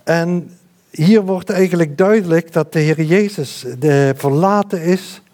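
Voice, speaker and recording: A man preaching a sermon and praying in a slow, earnest, halting way with frequent fillers. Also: fairly high pitch, a little mellow. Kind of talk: sermon with prayer.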